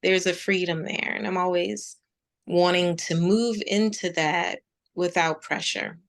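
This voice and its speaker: Her voice is lowish and creaky, with mostly even intonation. She is a woman in her forties, a meditation teacher being interviewed, and she narrates her story casually with pensive, faltering pauses.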